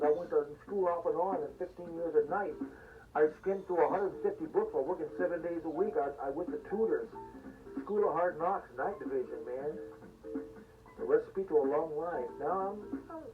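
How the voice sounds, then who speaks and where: A man's voice: fairly high pitch, moderate pace. Seventy-year-old man, tinny and distant. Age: 70s. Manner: folksy, rambling, blunt. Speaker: singer-songwriter giving life advice. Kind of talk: casual monologue. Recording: tinny phone-like sound from a distance with music behind. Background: music.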